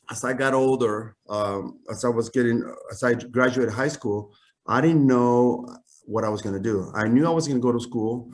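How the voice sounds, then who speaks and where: A man in his fifties from Chile, a native Spanish speaker, telling his life story in a casual video-call interview, rambling with many fillers and restarts. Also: mid-range voice. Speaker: guest, custom clothing company founder.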